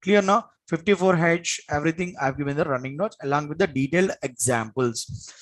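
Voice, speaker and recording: A man's voice: a little high, a little fast, a bit bright. A man with an Indian accent giving a classroom lecture as an exam coach, in an emphatic, repetitive manner with frequent check-in questions.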